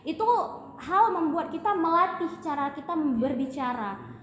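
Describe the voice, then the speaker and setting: A woman's voice: sits high, lively intonation, unhurried, fairly bright tone. A young woman from Aceh, a student guest chatting casually on a podcast, explaining with lots of fillers. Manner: chatty, explains with many fillers, addresses listeners as guys. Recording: echoey room with faint noise.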